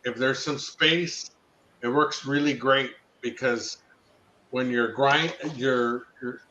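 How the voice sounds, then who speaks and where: A man's voice: mid-range voice, fairly even intonation, slow, pushed and bright, echoey room, muffled recording, a little hiss or hum. A man chatting casually on a livestream, swearing easily while eagerly showing off kitchen gear. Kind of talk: casual chat.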